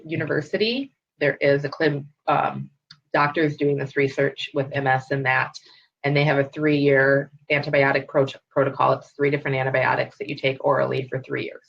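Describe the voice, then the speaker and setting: A husky-voiced woman in her thirties talks as an interview guest. She is chatty and fills her speech with restarts and fillers. The video call audio sounds dull and lo-fi. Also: a bass voice. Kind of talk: casual interview chat.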